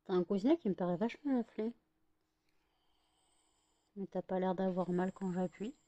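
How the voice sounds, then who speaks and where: A woman's voice: medium pitch, moderate pace, warm tone, muffled recording. A worn-out woman from France in a casual home vlog, cooing baby talk to her dogs after one hour of sleep. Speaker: vlogger.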